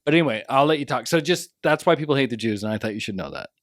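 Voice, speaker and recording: A man's voice: mid-range voice, lively intonation, rapid-fire, no room sound, studio quality. A young man co-hosting a podcast, talking casually in a chatty, earnest way. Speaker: podcast co-host.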